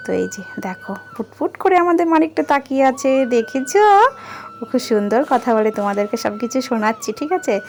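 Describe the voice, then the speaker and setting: A woman's voice: high-pitched, wildly swooping pitch, normal speed, a little mellow, a little hiss or hum. A woman, a mother chatting to her viewers in a casual family vlog at home. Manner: chatty, addresses viewers directly. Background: background music.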